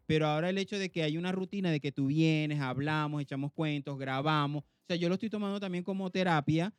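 A man's voice: fairly high pitch, fast talker, clean tone, no room sound. A man, co-hosting a podcast in casual chat and acting out the voices he quotes. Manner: animated, acts out quoted voices. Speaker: podcast co-host.

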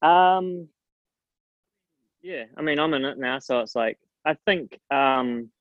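A man's voice: a little high, takes it slowly, no echo, phone-quality sound. A young man with a broad New Zealand accent chatting casually and earnestly in an interview, using plenty of informal slang. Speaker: strength and conditioning coach, guest.

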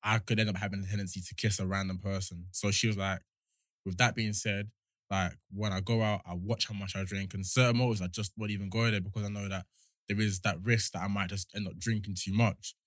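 A man's voice: fairly low pitch, steady tone, fairly quick, dry recording, clean studio sound. A young man with a London roadman accent, talking casually in a slangy, discursive way. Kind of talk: casual chat.

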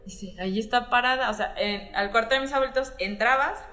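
A woman's voice: a little high, a little fast. A woman with a Mexican accent telling a story in casual chat, acting out the voices of the people in it. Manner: animated storytelling, acting out quoted dialogue. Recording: roomy echo, faint music.

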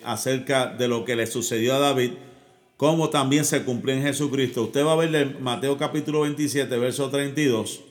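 Give me a man preaching a sermon, stopping to ask the congregation "right?". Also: medium pitch. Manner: repeats words and asks "right?" to the congregation. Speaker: pastor.

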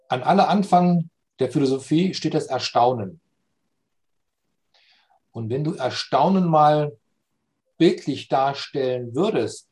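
Reflective man explaining ideas slowly. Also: medium pitch, darkish tone. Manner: pondering, slow, often adds "ja?" to check understanding. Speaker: speaker on philosophy and spirituality.

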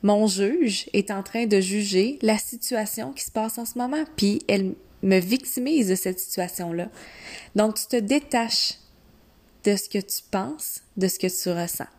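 Slow-paced Quebec woman coaching one listener. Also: medium pitch, darkish tone. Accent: Quebec French. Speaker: mindset coach. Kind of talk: instructional coaching talk, addressing one listener informally.

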